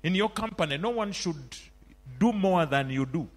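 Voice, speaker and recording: A middle-aged man with a Ugandan accent preaching a sermon as pastor. He swings between loud exhortation and quiet personal reflection, calls out for amens, and mixes in phrases of a local language. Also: high voice, expressive, normal speed, soft background music.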